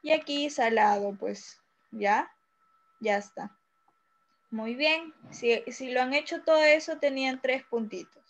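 Over a video call, a woman with a Peruvian Spanish accent teaches young kids, patiently working through an exam and frequently making sure they follow. She's a primary school teacher with a high-pitched voice and a measured pace.

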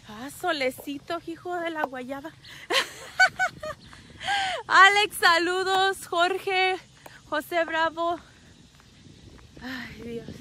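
A woman's voice: high voice, bright, forceful tone, a little hiss or hum, low-quality recording. A woman truck driver, chatting casually with viewers on a live stream from a phone outdoors at a rest area, greeting them by name and laughing often. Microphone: phone held at arm's length.

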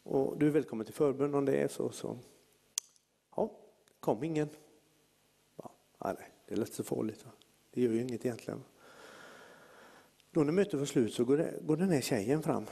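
Gravelly-voiced man preaching in a hall. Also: medium pitch, pauses often. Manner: lively anecdotal preaching with acted-out quotes. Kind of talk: sermon storytelling.

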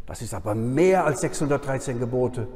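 A man's voice: mid-range voice, expressive, a little fast, darkish tone. A man preaching a sermon at a Bible conference, often checking in with his audience with a questioning "ja?". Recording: hall with long reverb.

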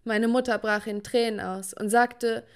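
A young adult woman narrating a first-person story from a script, lively and dramatic. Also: on the high side, a little slow, smooth.

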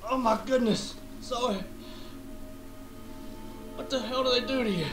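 An actor playing a gruff, fiercely protective Southern swamp man with a Southern Louisiana accent and a threatening drawl. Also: extremely high pitch, unhurried, fairly bright tone, faint music behind, low-quality recording. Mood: angry. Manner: threatening drawl, calls others "boy".

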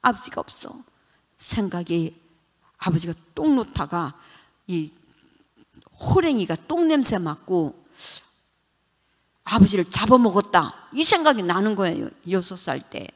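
Older woman, church testimony, lively swooping pitch, long reverb of a church hall. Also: unhurried, long pauses. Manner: animated storytelling, dramatic retelling of childhood. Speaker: church deaconess giving testimony.

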